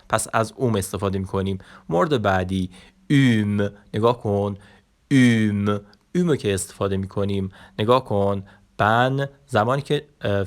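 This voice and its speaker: A man teaching an online language lesson, explaining slowly with many hesitation sounds. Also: on the low side.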